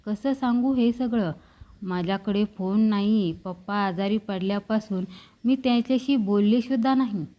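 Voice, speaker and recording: A woman voicing a young woman who pleads tearfully and speaks a little higher than her narration. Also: moderate pace, dark tone, lightly acted. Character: young woman, a politician's daughter, in love and pleading.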